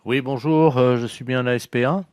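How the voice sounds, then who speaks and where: A man's voice: medium pitch, steady tone, fairly quick, noisy background. A man making a prank phone call, earnest and plausible.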